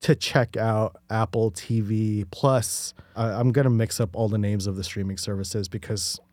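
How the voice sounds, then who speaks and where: A man's voice: lowish voice, fairly even intonation, normal speed, darkish tone, dry recording. A man co-hosting a casual space news show, enthusiastic and upbeat. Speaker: podcast co-host.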